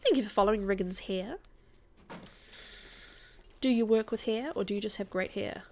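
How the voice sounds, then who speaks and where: Casting: female game streamer with a light New Zealand accent, medium pitch, informal and talkative livestream delivery. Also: moderate pace. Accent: mild New Zealand. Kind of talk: casual livestream chat over gameplay.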